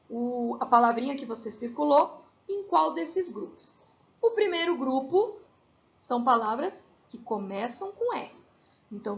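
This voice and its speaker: High, gravelly Brazilian woman teacher. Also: lo-fi sound. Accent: Brazilian Portuguese. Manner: patient, explaining step by step; checks in with tag questions. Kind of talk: recorded class lesson for children.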